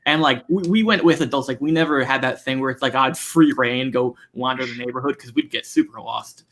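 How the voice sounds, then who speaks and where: A man co-hosting a college radio show, telling stories in an animated way with constant fillers. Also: medium pitch, fairly quick. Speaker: radio co-host. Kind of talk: casual chat.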